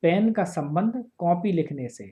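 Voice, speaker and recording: Slow, mellow-voiced man teaching grammar. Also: sits high, expressive. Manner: slow, repeats phrases, checks with listeners often. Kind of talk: exam-prep grammar lesson.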